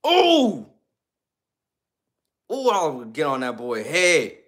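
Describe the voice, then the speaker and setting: A man in his twenties speaks in a fairly high voice as he reads viewer comments off a livestream and answers them. His talk is slangy and loose, animated and sometimes ranting. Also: measured pace. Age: 20s. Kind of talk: casual livestream chat, reading viewer comments aloud.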